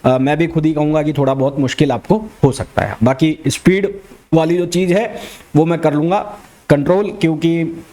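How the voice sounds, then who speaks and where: A man with an Indian accent teaching a fast revision physics lecture, talking quickly and repeating key terms back as questions. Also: on the high side, warm tone. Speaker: physics educator.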